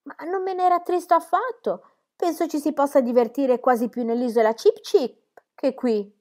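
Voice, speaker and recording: A woman's voice: sits high, fairly even intonation, normal speed, voice pushed up, lightly acted. Woman reading as a gleeful, boastful little girl. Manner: loud, gleeful and teasing. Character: exuberant carefree young girl, boastful and playful.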